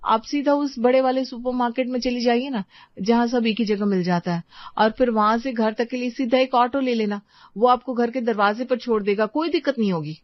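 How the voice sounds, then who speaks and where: A woman's voice: fairly high pitch, a little fast, dry recording, lightly acted. A woman voicing a sweet but distracted young wife in a cartoon, chatty and pleading. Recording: dry, slightly dull lo-fi sound.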